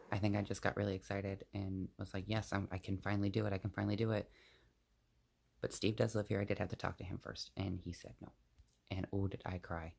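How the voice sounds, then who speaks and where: A man's voice: on the low side, gravelly. A young man vlogging, venting to the camera in a rambling, blunt and profane way.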